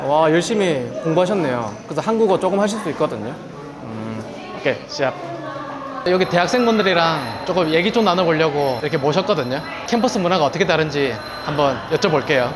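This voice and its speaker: A man's voice: on the high side, lively intonation, very fast, background noise. A man from South Korea, a native Korean speaker, narrating a vlog and chatting with students in a friendly way. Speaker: vlogger visiting a campus. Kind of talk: casual vlog narration and interviews.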